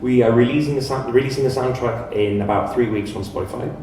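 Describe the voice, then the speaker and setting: A man with a Greek accent whose first language is Greek, a composer answering questions on a live panel, halting and restarting words often. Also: medium pitch, mellow, slight background noise. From Greece. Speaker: composer and pianist. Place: large echoey art fair hall. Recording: very echoey hall from far off.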